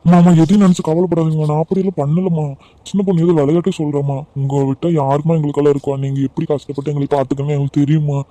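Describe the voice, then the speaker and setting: A meek, apologetic young son from a homemade cartoon, with a man doing the voice. He pleads quickly and hesitantly in a slightly high, mellow tone. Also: flat delivery, no room sound, natural voice. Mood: pleading. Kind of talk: amateur cartoon voice acting.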